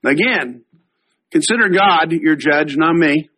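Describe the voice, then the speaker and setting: A middle-aged man, a pastor, preaching a sermon, reading scripture slowly and then explaining it in a conversational way. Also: on the high side, pushed and bright, slightly rough, rough recording.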